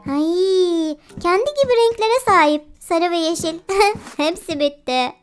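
A very high, lively voice, speaking a little slowly, belongs to a playful host of a children's game video who talks to cartoon animals in an exclamatory, giggly, cooing way. It's playful gameplay commentary for kids, with children's music in the background.

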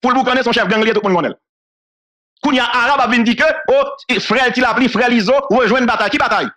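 A man's voice: extremely high pitch, fast talker, pushed and bright. A man from Haiti giving solo political commentary, emphatic and repetitive, hammering his key phrases and breaking into short laughs between points.

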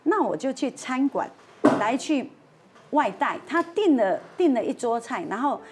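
Animated Taiwanese woman telling a story. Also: high voice, measured pace, slight background noise. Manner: acts out quoted voices, mixing in Taiwanese Hokkien phrases. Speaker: storyteller guest on a talk show.

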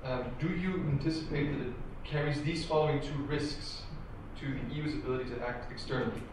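A man's voice: medium pitch, fairly even intonation, brisk. A man in the audience of a panel, asking a structured, formal question. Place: conference room. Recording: very echoey room, distant mic, hum.

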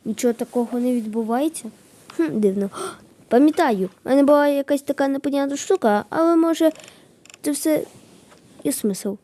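High-pitched woman muttering through a game. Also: a little fast, mellow. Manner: muttering to herself while trying things out. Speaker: game player. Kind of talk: playful game commentary.

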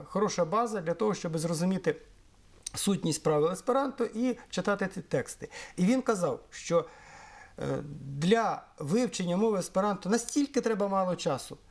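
A middle-aged man from Ukraine explaining things in an interview, measured and pausing often on fillers. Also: high-pitched, a little mellow. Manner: measured, with frequent hesitations and fillers. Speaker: interviewee, Esperanto historian.

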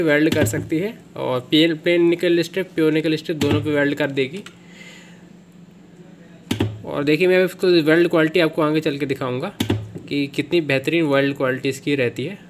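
With background noise behind him, a man whose voice sits on the high side shows off a product on camera in a small indoor room. The seller talks casually, filling his speech with fillers, self-corrections, and repeated "kya" questions to himself.

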